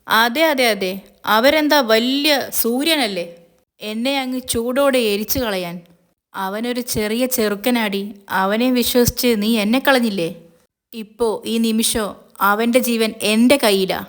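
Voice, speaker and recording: A woman with a fairly high voice performs a gloating kidnapper, a menacing man who taunts, mocks, and threatens his target by phone. She speaks at normal speed, and the acting is light.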